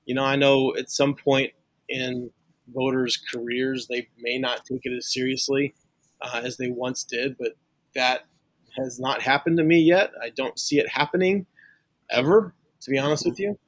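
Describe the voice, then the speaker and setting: A sportswriter from St. Louis, USA, guests on a casual podcast, speaking earnestly in a medium-pitched, steady voice at a moderate pace. He restarts his sentences as he thinks aloud, and there's no echo.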